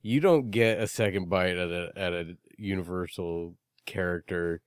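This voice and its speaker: A man with a fairly low voice chats and teases on a podcast, cursing now and then. The sound is close and dry, with no room behind it. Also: moderate pace, clean tone, dry recording. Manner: joking, teasing, swears casually. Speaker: podcast co-host. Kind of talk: casual chat.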